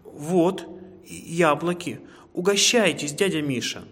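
A small, eager male hare from a fairy tale, his voice raised high and bright, as a man puts him on. He chatters generously and stammers when frightened. Soft reverb from the room hangs on every line. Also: expressive, slow. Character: timid kind young male hare.

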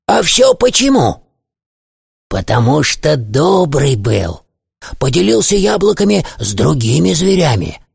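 A man reading a children's fairy tale aloud in an expressive, animated way. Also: mid-range voice, gravelly, husky, dry recording, clean studio sound. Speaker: storyteller. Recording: music playing behind.

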